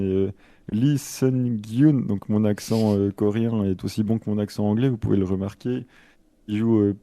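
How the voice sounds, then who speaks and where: A man co-hosting a casual podcast, teasing his partner playfully and talking in halting bursts. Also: lowish voice, dark tone, no echo. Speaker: podcast co-host.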